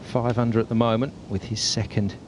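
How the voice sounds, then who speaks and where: A man's voice: mid-range voice, level tone, brisk, noisy background. A man working as a golf commentator, describing tournament play as it happens.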